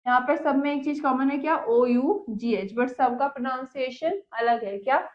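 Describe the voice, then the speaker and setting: A woman teacher explaining an English poem line by line. She reads the English lines slowly and explains them more quickly. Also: sits high. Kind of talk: classroom lesson explaining a poem. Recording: echoey room, dull lo-fi sound.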